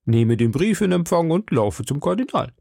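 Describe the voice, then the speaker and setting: A foolish, greedy shopkeeper who chatters eagerly and with self-satisfaction, as a male reader puts him on, in a storybook reading. The voice is pushed higher than the reader's own and keeps a gravelly edge, close and dry. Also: big pitch swings, moderate pace, dark tone, no room sound, full character voice.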